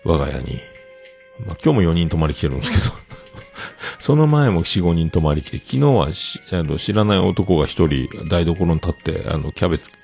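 Middle-aged male host, casual storyteller, lively swooping pitch, acts out quotes. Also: fairly quick, creaky, soft background music. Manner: chatty, acts out other people's lines in quotes.

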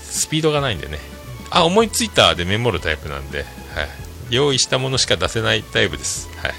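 Lively, bright-voiced male podcast host. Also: on the low side, quick pace, creaky, faint music behind. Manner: chatty, sprinkles filler "ne", self-deprecating. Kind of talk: casual podcast chat reading listener tweets.

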